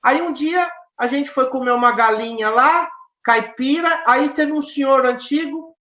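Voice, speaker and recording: A woman's voice: sits high, measured pace. A woman from southern Brazil with a southern Brazilian accent, telling stories animatedly and acting out quoted dialogue with emphatic questions. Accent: southern Brazilian Portuguese. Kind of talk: animated storytelling conversation. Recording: roomy, dull lo-fi sound.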